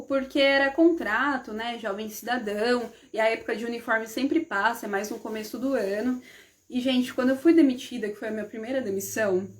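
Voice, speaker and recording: A woman hosting a live stream, telling stories from her own working life in a casual, chatty way, often checking in with her listeners and acting out the dialogue. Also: on the high side. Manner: chatty, often adds "né?" and addresses the audience as "gente". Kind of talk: casual personal storytelling.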